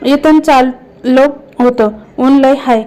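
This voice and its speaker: A woman's voice: high-pitched, takes it slowly, darkish tone. Woman reading as a leering village wastrel. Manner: rustic village speech.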